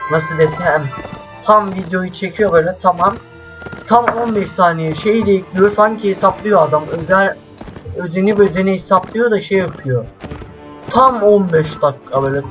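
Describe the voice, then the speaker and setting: A man doing casual let's-play commentary, chatty and excitable, swearing often and talking straight to his viewers. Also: high voice, moderate pace, poor audio. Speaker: gameplay commentator. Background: faint game music.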